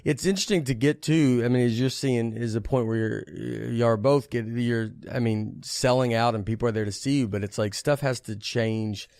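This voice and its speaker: A man in a casual podcast chat, rambling and stopping to restart his thoughts. His voice sits at an ordinary pitch. The sound is close and dry, with no room around it. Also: moderate pace, vocal fry, few pauses, a little mellow, no room sound. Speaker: stand-up comedian guest.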